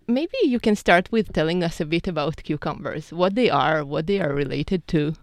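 Female radio host, bright and curious about science, animated pitch, lowish register, dry close sound. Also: measured pace, vocal fry, no room sound. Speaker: science show host in training. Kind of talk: radio interview, presenting.

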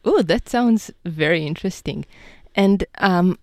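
A woman presenting a science radio interview as a bright, curious host. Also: on the low side, expressive, unhurried, no room sound, clean studio sound. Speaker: science show host in training.

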